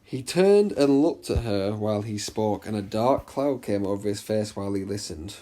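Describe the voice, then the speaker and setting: An English literature teacher with a lowish, warm, animated voice leads an exam revision lesson in a chatty way. He checks understanding often and reads the extract aloud slowly.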